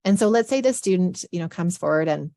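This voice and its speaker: An earnest woman walks her audience through a training scenario, explaining carefully with plenty of verbal fillers. Her voice sits on the low side. The webinar microphone sounds close and dry. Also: expressive, fast talker, mellow, no echo. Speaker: assistant dean of students, workshop presenter. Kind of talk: training presentation.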